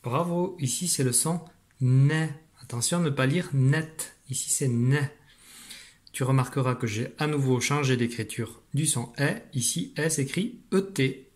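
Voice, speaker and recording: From his home computer, a male primary school teacher holds a reading lesson for young children over video. He speaks at a moderate pace in a mid-range voice, patient and encouraging as he explains.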